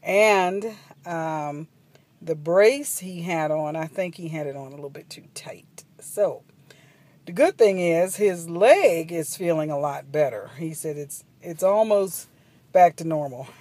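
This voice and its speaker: Sitting in her parked minivan at a gas station, a middle-aged travel vlogger talks casually into a phone camera at arm's length. She has a fairly low, dark-toned voice and a measured pace, and she rambles with ums and side remarks.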